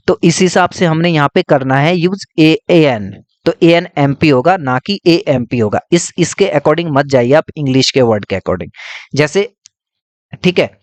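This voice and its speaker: A man's voice: fairly high pitch, darkish tone, dry recording. Male teacher asking and answering himself. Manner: explains step by step, often asks and answers his own questions; writes on a board while talking. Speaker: English teacher. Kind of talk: blackboard grammar lesson.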